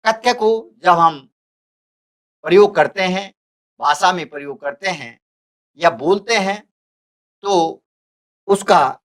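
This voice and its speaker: A man's voice: sits high, a bit bright. A male teacher giving a recorded lesson, explaining carefully and restating each point. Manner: deliberate, repeats and restates points.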